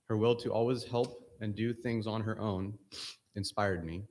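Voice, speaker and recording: A man delivering a personal funeral eulogy, earnest, pausing between short phrases. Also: fairly low pitch, fairly even intonation, darkish tone. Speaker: family member giving a eulogy.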